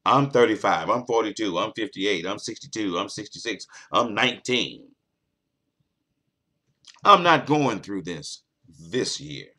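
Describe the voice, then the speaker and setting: A man's voice: lowish voice, lively intonation, unhurried, sharp tone. A man hosting a late-night talk show, delivering an earnest motivational monologue that repeats its key points for emphasis.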